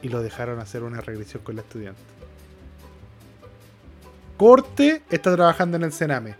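A man's voice: medium pitch, huge pitch swings, moderate pace, music in the background. A young Chilean man co-hosting a podcast, telling a story in casual chat, acting out the quotes, swearing and laughing often. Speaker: podcast co-host.

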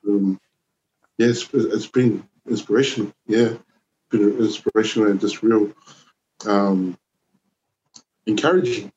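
A man in his forties from New Zealand, a youth worker chatting as a podcast guest, relaxed and rambling with lots of "you know" and "man". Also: on the low side, unhurried, long pauses, dull audio, slight background noise. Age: 40s. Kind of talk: casual conversation.

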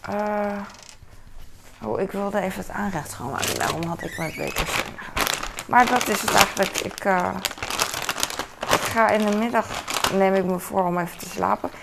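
A woman's voice: medium pitch, moderate pace, gravelly, long pauses, very noisy. A woman chatting casually to camera at home in her kitchen, rambling with many fillers and asides to herself. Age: adult with a son. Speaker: vlogger. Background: dishes and cutlery clatter.

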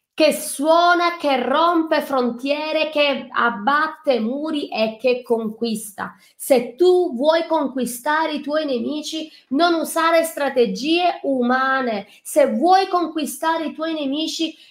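A woman's voice: high voice, reverberant. A woman preaching a fervent sermon, reading scripture aloud and exhorting the listener directly. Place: online live stream.

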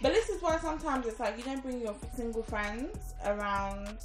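A woman's voice: on the high side, normal speed. A woman, gossiping casually as a co-host in an emphatic, teasing way. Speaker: show co-host, entertainment gossip. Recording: roomy echo, faint music behind.

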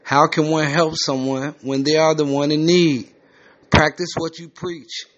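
A man voicing an erratic man in his late thirties who rants and bursts into high, drawn-out singing. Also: flat delivery, dull audio, close to an everyday voice. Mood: ranting. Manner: bursts into a put-on posh British voice and off-key singing.

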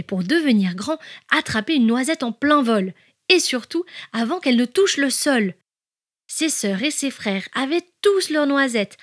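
Woman storyteller for a kids' podcast; gentle, expressive, fairly high voice, dry close sound. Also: no echo. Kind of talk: children's bedtime story narration.

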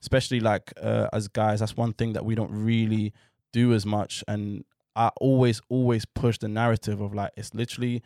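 A man's voice: on the low side, level tone, moderate pace, mellow, no room sound, clean studio sound. A man with a London accent chatting casually as an interview host, with a slangy roadman-style delivery. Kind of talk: casual chat with street slang.

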